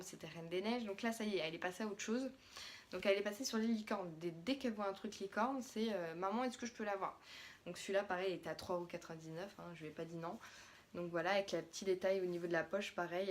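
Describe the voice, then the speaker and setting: A young French woman, a mother, chatting casually through a haul of her daughter's clothes with plenty of fillers and restarts. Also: lowish voice.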